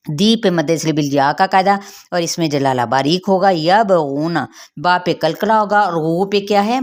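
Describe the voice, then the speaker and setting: A woman with a Pakistani Urdu accent teaching tajweed, explaining pronunciation rules step by step and reciting verses slowly. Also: lowish voice.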